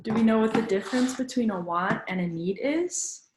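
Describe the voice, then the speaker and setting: Reading a picture book to children in an instructive, teacherly way, this woman stops now and then to pose questions that get them thinking. Her voice is a little high with lively intonation, heard in a roomy space over a noisy background.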